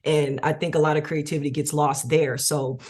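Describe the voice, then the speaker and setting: A woman's voice: low voice, little pitch movement, brisk, darkish tone. A woman, a music executive producer, talking casually as an interview guest, with lots of fillers and easy laughter. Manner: chatty, many fillers, laughs easily.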